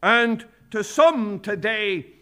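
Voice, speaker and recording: A man preaching a sermon as pastor, speaking in slow, earnest phrases that rise on each point, and reading out old-style scripture. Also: high-pitched, expressive, bright, forceful tone. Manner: quotes King James scripture aloud.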